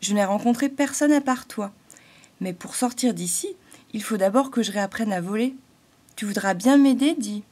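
A woman's voice: mid-range voice, normal speed, darkish tone, natural voice. A woman voicing a timid little female thought-spirit, a glowing halo, in a fairy-tale audiobook. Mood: shy. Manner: shy, hesitant, growing earnest.

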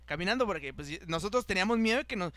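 Young male podcast host with a Mexican accent. Lively, slangy storyteller with a high voice. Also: very fast, no room sound. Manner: animated, acts out the voices of people in his story, heavy slang. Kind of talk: casual storytelling chat.

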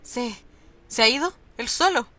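A woman's voice: on the high side, lively intonation, a little slow, sharp tone, pitched above the performer's own voice. A woman reading aloud the lines of a troubled young man searching a ruined hospital, in a plain reading voice. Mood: worried. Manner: reads dialogue boxes aloud, plainly.

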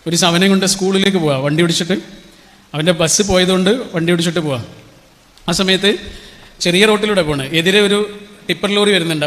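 A man's voice: high voice, fairly bright tone. Storytelling man speaking in a reverberant hall. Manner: storytelling, rhetorical questions to the audience. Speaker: motivational speaker. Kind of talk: inspirational public speech.

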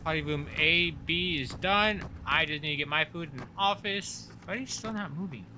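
A man giving casual commentary while he plays a horror game. He is excitable, swears when startled and talks to the characters on screen. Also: a little high, moderate pace, slight background noise. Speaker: let's play host.

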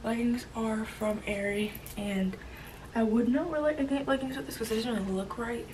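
In her daily vlog, a young teen around 13 chats to a camera held at arm's length, wandering between topics and trailing off with "but yeah." Her voice is on the high side at a moderate pace. She's in her bedroom or at times in a car, with clear background noise from the handheld audio.

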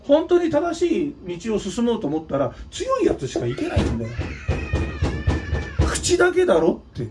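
A man's voice: very high voice, wildly swooping pitch, moderate pace, recorded from a distance, music in the background. A man from Nagano, Japan, hosting his own channel, giving a blunt, scolding opinion monologue with mocking asides. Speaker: channel host and drummer.

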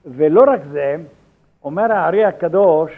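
Old rabbi on a tinny line. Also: male voice, fairly high pitch. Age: older. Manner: halting, repeats words, acts out quoted dialogue. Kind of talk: religious law lesson with anecdotes. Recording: tinny phone-like lo-fi recording.

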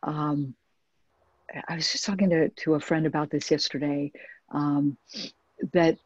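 Breathy woman author on a video call. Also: deep voice, steady tone, a little slow, darkish tone, no room sound. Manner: thoughtful, hesitant, many restarts. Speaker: author guest. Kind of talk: reflective webinar conversation. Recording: muffled video call audio.

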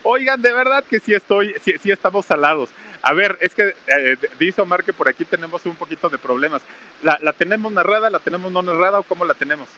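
A man's voice: high voice, fairly quick, bright, forceful tone, highs cut off, a little hiss or hum. A man hosting a live stream outdoors under a small roof in heavy rain, reading out viewer greetings in a raised, casual voice. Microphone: camera mic with crew nearby.

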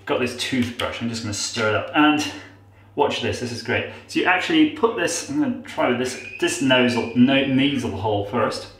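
A nasal, chatty male vlogger gives a casual how-to demo in a small tiled bathroom, where the sound echoes and a tap runs in the background. He's self-mocking and drifts into rambling asides. His mid-range voice is a bit bright and moves at normal speed.

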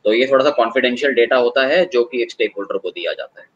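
A man answering interview questions as an expert guest, explaining at length with frequent filler pauses. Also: medium pitch, dull audio. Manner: hesitant, many filler pauses.

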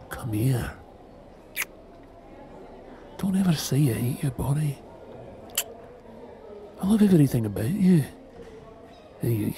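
Casting: male actor as affectionate young boyfriend for audio role-play, sweet-talking, mellow, unhurried. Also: medium pitch, a little hiss or hum. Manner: sweet-talking, coaxing endearments. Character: affectionate, impatient young Celtic boyfriend, sweet-toothed and exasperated.

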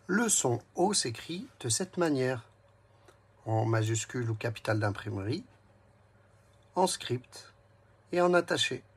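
A man's voice: mid-range voice, animated, unhurried, long pauses, slightly rough. A man teaching a reading lesson to young children, saying each word twice and breaking it into syllables while speaking directly to the child. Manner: addresses the child directly and gently. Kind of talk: slow, clearly spelled-out early reading lesson.

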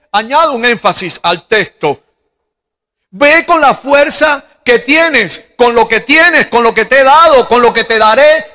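Speaking Cuban Spanish, a middle-aged Cuban pastor delivers a sermon through a handheld mic, his voice very high and bright and his pace slow and measured. He leans heavily on rhetorical questions, and a long reverb from the big church hall trails behind him.

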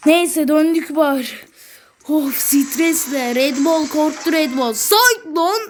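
A woman giving casual, excitable commentary while playing a video game, talking back to the game and swearing playfully. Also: high-pitched, slow pace, slight background noise. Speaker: gaming channel host.

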